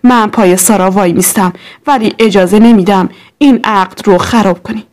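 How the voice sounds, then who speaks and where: A woman's voice: medium pitch, fairly even intonation, a little mellow, close to an everyday voice. A woman reading the lines of an earnest, firm young fiancé in a storybook. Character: protective young man, steady fiancé.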